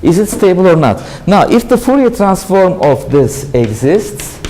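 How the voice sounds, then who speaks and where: A man's voice: sits high, sing-song, measured pace, warm tone, a little hiss or hum, low-quality recording. Turkish-accented man lecturing a class. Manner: explanatory, asks and answers his own questions. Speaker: university lecturer. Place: lecture hall.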